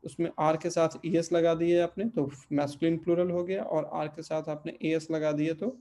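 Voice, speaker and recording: A man's voice: a little high, little pitch movement, normal speed, warm tone. A man teaching a Portuguese lesson, patiently repeating word forms and checking in with his students. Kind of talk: online language lesson.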